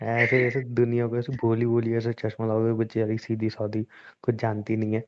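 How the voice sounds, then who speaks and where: In a casual, intimate Hindi chat, a young man plays the boyfriend, teasing, pushy and informal. His medium-pitched voice comes at normal speed with a completely flat delivery, captured on a dull, lo-fi call-style recording.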